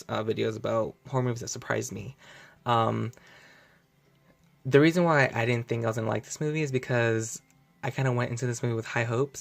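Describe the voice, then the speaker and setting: A man's voice: medium pitch, gravelly. A young man talking casually to camera in a home video, rambling with lots of fillers and restarts as he corrects himself. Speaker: vlogger. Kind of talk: casual unscripted video review.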